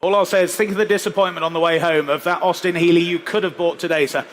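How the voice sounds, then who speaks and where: A man's voice: high voice, fairly even intonation, quick pace. A man working as an auctioneer, calling live bids in a polished, courteous, coaxing patter and repeating the figures. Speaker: classic car auctioneer. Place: large indoor show hall, live saleroom. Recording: noisy auction hall ambience.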